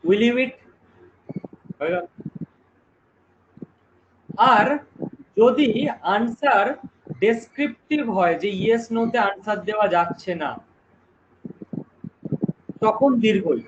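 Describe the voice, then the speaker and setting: A man teaching a live online class, chatty and lively, asking students questions as he explains. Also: high voice, slow pace, long pauses. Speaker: online exam-prep teacher. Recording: dull lo-fi stream with noise.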